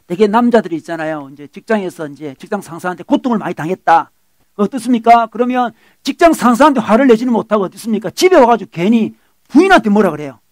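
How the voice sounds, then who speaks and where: A man preaching A middle-aged pastor in full sermon, his voice sitting high for a man and recorded close and dry. He talks animatedly, acts out quoted lines and keeps checking in with the congregation. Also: dry recording.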